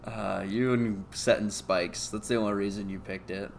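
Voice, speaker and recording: A man's voice: fairly low pitch, steady tone, moderate pace, creaky, slight background noise. A man co-hosting a gaming league recap, teasing his partner in a laid-back way. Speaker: league co-host. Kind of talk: casual recap commentary.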